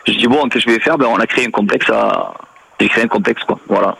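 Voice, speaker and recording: A man's voice: lowish voice, fast, gravelly, sharp tone, slight background noise, poor audio. A middle-aged man with a southern French accent, a former footballer chatting as a radio guest in a rambling, good-natured way. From south of France. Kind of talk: casual radio interview.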